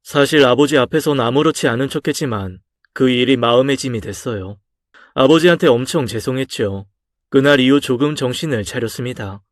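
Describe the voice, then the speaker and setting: A man narrating a first-person life story in a calm, subdued, reflective way. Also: medium pitch, a little fast, no echo, clean studio sound.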